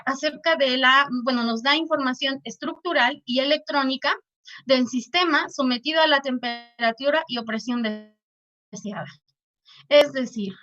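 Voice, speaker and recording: A woman professor giving an online lecture, halting with many restarts, her audio choppy and robotic from a bad connection. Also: high voice, fairly bright tone. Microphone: computer mic on a video call. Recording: dull lo-fi online call audio.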